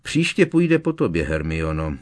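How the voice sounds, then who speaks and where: A man voicing a worried, nervous teenage schoolboy speaking quietly. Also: very deep voice, big pitch swings, pitched below the performer's own voice. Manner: quiet, anxious.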